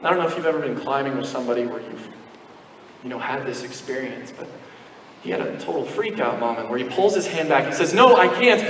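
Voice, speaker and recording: A male pastor telling a long personal story in a sermon, animated and self-mocking. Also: medium pitch, fast, noisy background. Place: church sanctuary. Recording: echoey hall, mic from far off.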